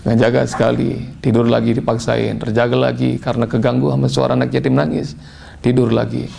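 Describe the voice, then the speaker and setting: A man preaches with a deeply gravelly, fry-laden voice at a middle pitch. He tells his story in an animated way, and his voice climbs high and forceful whenever he quotes. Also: a little fast. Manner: animated, rising to high emphatic tones when quoting. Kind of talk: sermon with storytelling.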